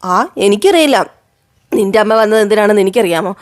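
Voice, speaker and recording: A woman's voice: mid-range voice, animated, fast talker, lightly acted. A woman voicing an irritable old grandmother who brushes off questions with scolding impatience.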